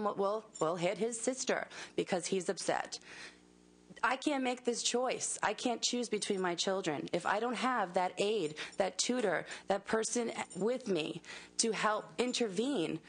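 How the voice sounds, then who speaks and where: A woman, a mother, giving earnest public testimony at a hearing, pleading with halting restarts. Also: medium pitch.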